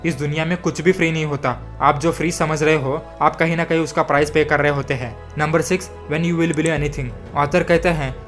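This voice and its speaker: A man with a slightly raised voice reads a book summary as scripted narration. He speaks in a plain, steady explanatory way and slips in English terms. Soft background music plays behind him. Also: fairly high pitch.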